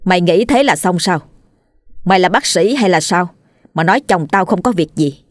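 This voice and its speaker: A woman's voice: on the low side, moderate pace, darkish tone, no echo, clean studio sound, natural voice. A woman voicing a spiteful middle-aged village wife who talks in a sneering, scolding way.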